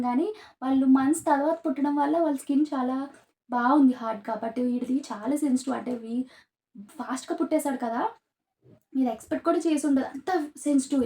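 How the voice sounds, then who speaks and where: A woman's voice: high voice, dark tone, echoey room. A young woman vlogger casually telling the story of her first baby's birth in a chatty way, quoting relatives as she goes. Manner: chatty, mixes English words into Telugu, quotes relatives. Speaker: vlogger, new mother.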